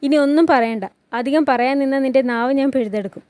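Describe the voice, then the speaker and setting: A woman's voice: sits high, fast, darkish tone, no echo, lightly acted. A woman voicing a stern, commanding male sultan who gives curt, threatening orders in a story retelling.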